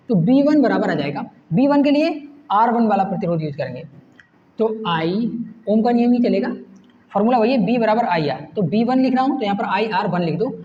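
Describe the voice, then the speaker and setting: A man's voice: sits high, warm tone. A male teacher explaining a problem step by step, putting questions to the class and answering them himself. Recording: echoey room, dull lo-fi sound, faint hiss.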